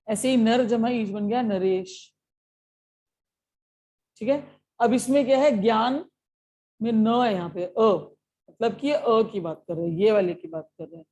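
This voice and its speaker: A woman's voice: a little high, mellow. A woman with an Indian accent teaching an exam-prep lesson, explaining step by step and checking in often with her students.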